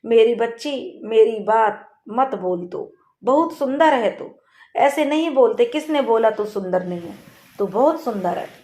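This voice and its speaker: A woman voicing a loving old grandmother in a folk tale, speaking gently and soothingly, in an echoey room. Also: on the high side, animated, measured pace. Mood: tender.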